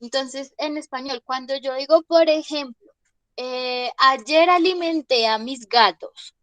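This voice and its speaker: Brief: woman teacher, high voice, dry close sound, patient and questioning. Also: takes it slowly, fairly bright tone, no echo. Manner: patient, asks students questions and repeats examples. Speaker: English teacher. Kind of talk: online class explanation in Spanish.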